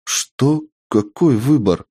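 A man voicing a young witch girl in a raised, lively voice, curious and quick to take fright. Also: mid-range voice, breathy edge, no room sound, studio quality, voice pushed up. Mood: frightened. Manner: curious, then easily frightened.

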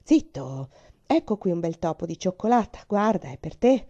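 A brusque young man from a storybook, voiced by a woman, bossy and short with his words. The sound is muffled and lo-fi, with a mellow, dark tone. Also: on the low side, very animated, normal speed.

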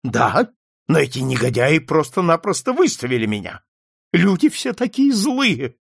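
Guy reading a frightened old man, paranoid, high pleading voice, very animated, dry sound. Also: normal speed, vocal fry, slightly rough, dry recording, full character voice. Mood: frantic. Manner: shrill, pleading, frantic. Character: paranoid frail old man, terrified and suspicious. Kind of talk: audiobook character reading.

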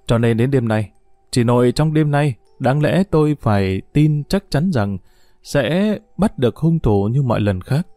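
A man voicing a sharp, intense young male detective who talks urgently and confidently. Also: medium pitch, expressive, measured pace, no echo, faint music behind, close to an everyday voice. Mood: brooding.

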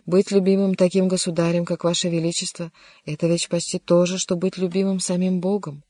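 Brief: reader as a heartsick young noble, earnest and bitter, dark mellow tone, dry. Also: mid-range voice, flat delivery, a little fast, dry recording, lightly acted. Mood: melancholy. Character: melancholy lovesick young nobleman. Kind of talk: audiobook character reading.

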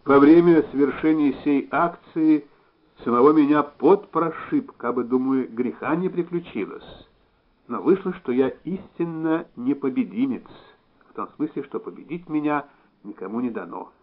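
A man's voice: mid-range voice, normal speed, pitched above the performer's own voice, lightly acted. A man voicing a sly, self-satisfied male Soviet surgeon with a jaunty, self-pleased way of talking, on a slightly dull recording. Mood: smug.

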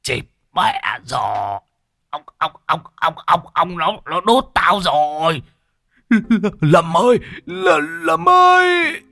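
A man's voice: mid-range voice, very animated, measured pace, pushed and bright, dry recording, studio quality, exaggerated voice. A man voicing a coarse, cursing old male village boss. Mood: panicked.

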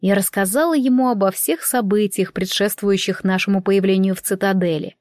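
A woman reading a first-person fantasy audiobook in a plain, even storytelling manner. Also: medium pitch, brisk, no echo. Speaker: audiobook narrator.

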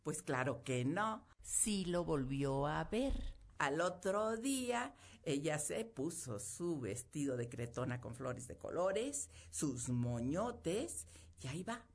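Husky, unhurried woman telling a folk tale. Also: low voice. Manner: lively, addresses listeners directly. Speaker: radio storyteller, host.

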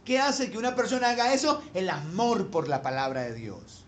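A man preaches a sermon to his congregation, his voice pitched notably high. He swells into loud emphatic peaks and keeps checking that he is understood. A faint hiss sits under the recording. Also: animated, moderate pace. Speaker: pastor.

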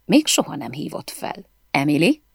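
A woman with a low voice reads a first-person novel aloud, her pitch rising and falling freely as she tells the story. The recording is close and dry, with no room echo. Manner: expressive, storytelling delivery. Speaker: audiobook narrator. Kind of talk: first-person audiobook narration.

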